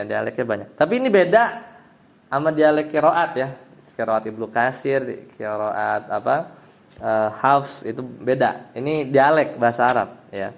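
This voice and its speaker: A man's voice: medium pitch, creaky. A man, an Islamic teacher, explaining Arabic grammar to a class, patiently checking that his students follow. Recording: dull lo-fi sound.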